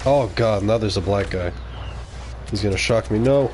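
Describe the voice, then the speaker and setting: With faint music behind him, a native French speaker streams live gameplay, talking casually in a fairly low, darkish voice at a normal speed. He reacts aloud to the game and mutters asides to those watching.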